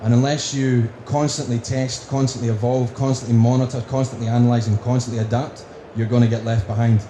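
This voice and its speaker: A man with a broad Scottish accent giving a prepared conference talk, speaking deliberately in emphatic lists. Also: medium pitch, little pitch movement, mellow. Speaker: conference speaker, company director. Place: indoor conference room. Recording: roomy, echoing venue with faint noise.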